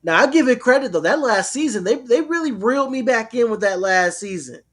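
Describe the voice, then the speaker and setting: A man in a casual chat with friends, talking in a relaxed, reflective way and drawing out his phrases. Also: very high-pitched, fairly quick.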